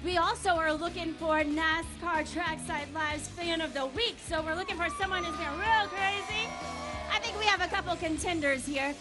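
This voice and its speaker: A woman with a very high, peppy voice co-hosts a live show at a racetrack. She projects to the crowd outdoors. Loud music runs behind her. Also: moderate pace. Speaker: co-host of a live fan stage show. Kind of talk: upbeat live event hosting at a racetrack. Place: outdoor stage beside a racetrack.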